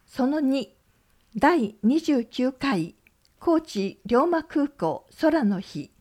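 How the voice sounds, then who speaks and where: Female radio host, slightly high, slow measured read of event listings. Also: big pitch swings, darkish tone. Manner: measured, clear reading of lists and numbers. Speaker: radio announcer. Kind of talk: scripted community notices.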